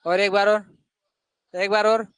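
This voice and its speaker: A man's voice: high voice, flat delivery, measured pace, fairly bright tone, clear, resonant tone, dry recording. A male teacher giving a classroom lesson to children, asking questions and drilling the answers over and over.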